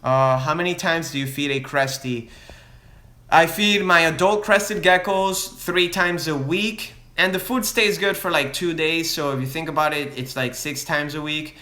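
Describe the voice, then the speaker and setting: A man's voice: fairly high pitch, normal speed, bright, forceful tone. Man, reptile breeder, casual livestream Q&A, mixes Spanish and English, lots of fillers, echoey room. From Florida. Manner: rambling, many restarts and fillers; switches between Spanish and English. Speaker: reptile breeder answering viewer questions.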